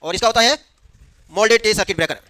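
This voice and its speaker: A man teaches a lecture in a very high, fast voice, firing questions at the class and then answering them himself. His tone is bright and the sound is dry. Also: dry recording.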